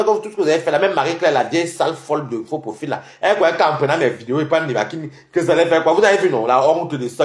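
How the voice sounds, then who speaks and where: Young male streamer, mocking and combative, pitch swinging widely, echoey room. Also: noisy background. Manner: taunting, mocking, rapid-fire. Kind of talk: heated livestream rant.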